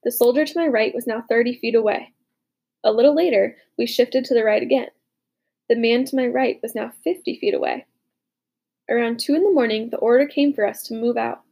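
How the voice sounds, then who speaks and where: A woman narrating a war story as a young soldier, with dramatic, hushed, urgent delivery in the dialogue. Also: a little high, brisk, gravelly, breathy edge. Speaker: narrator voicing a boy soldier. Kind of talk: audiobook narration.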